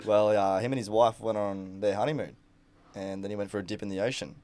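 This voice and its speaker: A man's voice: on the low side, fairly even intonation, brisk, darkish tone. A young Australian man co-hosting a podcast, chatting casually with lots of laughter and swearing. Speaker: podcast co-host. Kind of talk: casual comedy chat.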